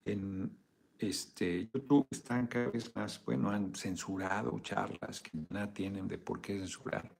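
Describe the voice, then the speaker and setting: A man's voice: fairly low pitch, steady tone, a little slow, vocal fry, darkish tone. A man with a Mexican accent hosting a casual live video chat, joking, swearing freely and thanking viewers for donations.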